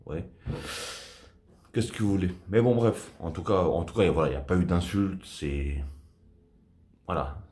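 A man's voice: low-pitched, measured pace, pauses often, a little mellow. A man in his thirties giving a casual, chatty football match debrief to camera from a small room at home, full of fillers and repeated words. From Portuguese heritage. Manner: chatty, repetitive fillers, enthusiastic. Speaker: football vlogger.

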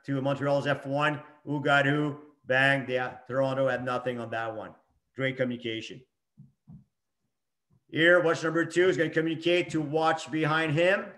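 Talking through game footage, this middle-aged hockey coach keeps his phrases short and emphatic and hammers his main points more than once. He has a slightly high, fairly bright voice.

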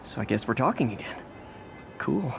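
A man's voice: medium pitch, very animated, normal speed, gravelly, background noise. A man playing an earnest, kind young American superhero in a video game, with a hesitant, boyish, self-effacing way of talking. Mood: friendly, hesitant. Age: young adult. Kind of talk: cinematic video game acting. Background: background music.

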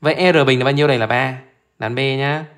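A man's voice: mid-range voice, quick pace, a bit bright. A man teaching math as he walks through an exam live, chatty and informal, constantly repeating short check-in questions to his listeners. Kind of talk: live exam solution walkthrough.

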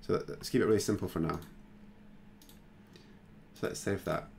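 Deep gravelly male tutorial voice. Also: normal speed, a little mellow, a little hiss or hum. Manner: casual, thinking aloud with many fillers. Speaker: tutorial host. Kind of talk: screen-recorded software tutorial.

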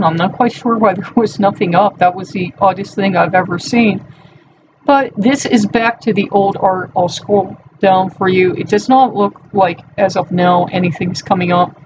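A woman hosting a gaming channel gives viewers a casual, chatty update, her voice distorted by the recorder so that she sounds possessed. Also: medium pitch. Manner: chatty, easygoing, filler-heavy. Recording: dull lo-fi recorder with clear noise.

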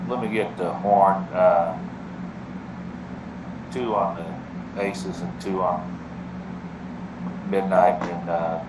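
A man making casual, halting bet requests as a player at a craps table. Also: deep voice, steady tone. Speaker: craps player placing bets. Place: indoor room at a craps table. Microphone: distant from the speaker. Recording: distant echoey room, noisy air-conditioning hum.

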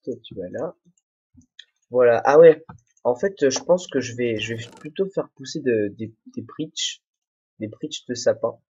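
A young man chats casually over his gameplay, rambling and mocking himself as he goes. His voice is a little husky, mid-pitched, and the recording sounds dull and muffled, like a cheap home mic. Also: expressive, measured pace, dark tone. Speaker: let's play host. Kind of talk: casual solo gameplay commentary. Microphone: desk microphone, no headphones.

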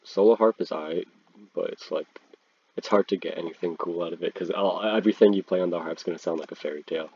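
Talking fast with vocal fry, this teen creator ranks instruments over a screen recording while nursing a congested cold, his delivery laid-back and full of slang. His voice is low, darkish and a bit rough, and the audio is dry, dull and lo-fi.

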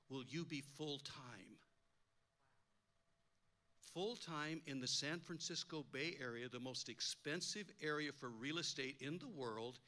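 A man's voice: a little high, sharp tone. An older man preaching a sermon as a pastor, telling a personal story with emphatic delivery, acting out the voices he quotes and often repeating words. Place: church.

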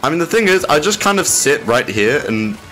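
A man streaming a shooter game, chatting casually with a teammate in excitable bursts and frequent laughs. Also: a little high, a little fast, soft background music. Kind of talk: casual gaming chat.

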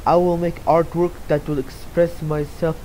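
Answering read-out interview questions about his art, a young artist from Saudi Arabia rambles loosely, with many fillers and false starts. He speaks unhurriedly in a rather high, dark-toned voice with a flat delivery. The rough recording carries slight background noise.

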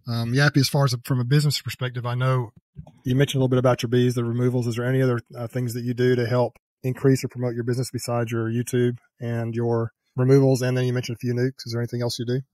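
An older man who hosts a beekeeping channel talks fast and flat at medium pitch in a casual interview chat. He rambles, corrects himself, and chuckles at his own remarks. He's in a room at home on a video call, using a boom-mic headset that gives dry, close sound with no echo.

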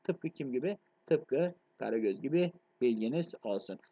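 A man with a mid-range, warm, animated voice runs an exam review lecture on literature, recorded with lo-fi sound. He talks fast, treats his students like friends, and keeps checking that they're following along.

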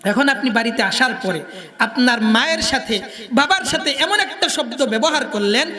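A man's voice: extremely high pitch, expressive, normal speed, long reverb tail. A man preaching a sermon in a Jamalpur Bengali accent, in a singsong delivery that keeps quizzing the crowd.

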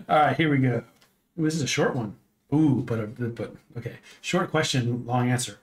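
A man's voice: medium pitch, moderate pace. Fifties man, guest on a home podcast, rambling talker with many restarts. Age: 50s. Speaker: podcast guest, host's father. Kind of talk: casual chat. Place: home streaming room.

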